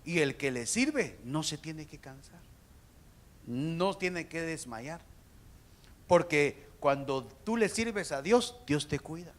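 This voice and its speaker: A man, a pastor, preaching a sermon and speaking straight to the congregation, with sudden shouted peaks. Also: on the high side, lively intonation, slow. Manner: addresses the congregation directly.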